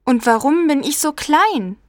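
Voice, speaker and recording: A young girl in a storybook reading, small and easily frightened, with a high, clear voice, played by a woman. The recording is dry and close. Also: expressive, a little slow, dry recording. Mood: anxious. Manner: anxious, wondering.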